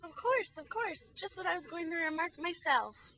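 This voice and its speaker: Woman playing a squeaky-high, sleepy little Dormouse. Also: normal speed, pushed and bright, slight background noise, heavily acted. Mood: agreeable, dozy. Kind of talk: amateur student audio drama.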